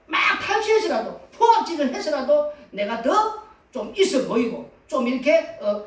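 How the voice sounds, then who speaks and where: Animated woman pastor, echoey and distant. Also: sits high, moderate pace. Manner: animated, laughs often, acts out quoted voices. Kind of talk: Sunday sermon. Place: church sanctuary. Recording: roomy echo from a distant mic.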